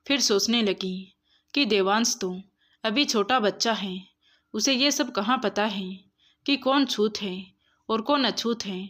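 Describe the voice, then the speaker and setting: A woman storyteller giving steady, expressive scripted narration of a moral story. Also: medium pitch, unhurried.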